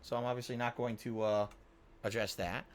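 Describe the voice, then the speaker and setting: A man live-streams a game in casual chat, venting his frustration with heavy swearing and repeating himself while reading out tips from viewers. His voice is medium in pitch, level in tone, and brisk.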